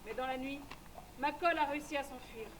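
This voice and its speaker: A woman giving voice to a hard-riding frontierswoman who tells her own story in a brisk, matter-of-fact way. Her voice sits high, with faint noise in the background. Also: natural voice. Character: tough frontier woman recounting her adventures. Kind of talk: first-person scripted narration.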